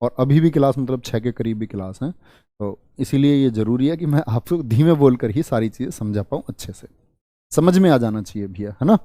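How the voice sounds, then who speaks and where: Man, history tutor, soft deliberate delivery, repetitive quiz questions, mellow tone, dry close recording. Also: mid-range voice, expressive, no echo. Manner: speaks softly on purpose to spare his throat; drills facts with repeated questions and mnemonics. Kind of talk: online exam-prep history lesson.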